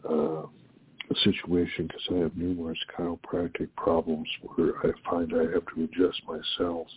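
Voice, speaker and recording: A man's voice: low voice, monotone, normal speed, slightly rough. A man calling in to a radio show over a phone line, rambling and hesitant with many fillers. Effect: caller heard over a phone line. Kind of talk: casual call-in chat.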